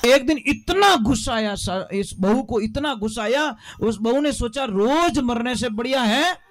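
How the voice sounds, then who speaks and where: High-voiced folksy Rajasthani preacher. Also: male voice. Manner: folksy and humorous, switching into local dialect for characters. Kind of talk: storytelling sermon.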